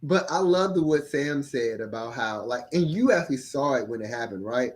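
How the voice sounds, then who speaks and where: Man, casual podcast chat, animated delivery, lively swooping pitch, mid-range voice, salty language. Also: moderate pace, a little hiss or hum. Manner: animated, swearing, acts out quotes.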